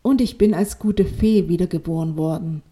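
A woman voicing a gentle mother who has been reborn as a glowing fairy snail. She speaks softly and reassuringly. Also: fairly low pitch, moderate pace, husky. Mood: tender.

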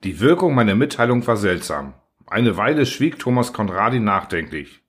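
A man reading a humorous first-person short story aloud in a wry, expressive style. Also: fairly low pitch, normal speed. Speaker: audiobook narrator.

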